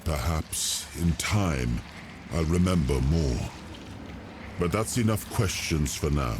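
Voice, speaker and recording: A low-voiced, noble spirit of a fallen king in a fantasy video game. He speaks slowly and solemnly, with weary, regal gravity. Clear noise sits behind the voice. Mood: reflective. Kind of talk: dramatic video game acting.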